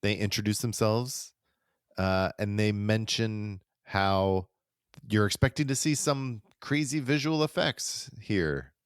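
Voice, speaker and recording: A man's voice: fairly low pitch, takes it slowly, smooth, no room sound, clean studio sound. A man co-hosting a casual podcast in an easygoing, agreeable way, chuckling along. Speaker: podcast co-host. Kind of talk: casual retrospective chat.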